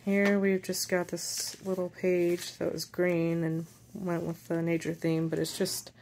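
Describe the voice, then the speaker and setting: A woman walking through her handmade journal page by page in a casual show-and-tell, unhurried and pausing as she handles the pages. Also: on the low side, level tone, a little mellow, slight background noise. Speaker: journal maker and shop seller.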